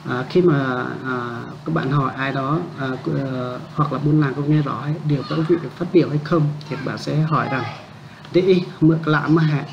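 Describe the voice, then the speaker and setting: A man teaching a casual language lesson. He patiently repeats words slowly and keeps checking that listeners understand. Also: mid-range voice, steady tone, vocal fry. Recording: dull lo-fi with faint background noise.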